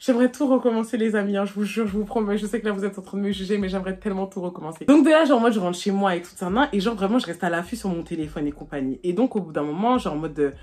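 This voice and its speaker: A young woman vlogger races through a personal story for her followers with hardly a pause, her voice mid-range. She's chatty and animated, laughing as she goes and peppering it with slang fillers.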